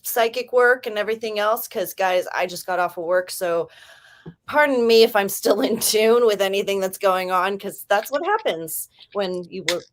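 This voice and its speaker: A woman hosting a casual writing livestream, hyper and chatty, rambling with quick restarts. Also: medium pitch, lively intonation. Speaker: livestream host running writing sprints.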